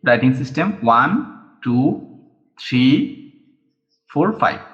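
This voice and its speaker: A man's voice: mid-range voice, extremely slow, a bit bright. A man teaching a language lesson step by step, patiently repeating each sound and counting strokes aloud. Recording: dull lo-fi recording.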